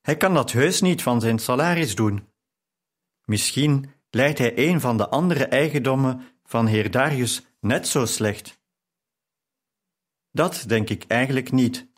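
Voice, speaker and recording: A man reading a novel aloud as a measured first-person narration. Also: medium pitch. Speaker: audiobook narrator.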